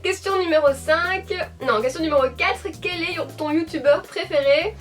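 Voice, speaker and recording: Belgian woman, mid-20s, high voice, casual rambling YouTube chat, slightly off-mic with light music under. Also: moderate pace, a bit bright, recorded from a distance. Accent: Belgian French, Hainaut. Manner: chatty and rambling, with frequent fillers and self-corrections. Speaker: beauty YouTuber answering a tag. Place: at home, indoors.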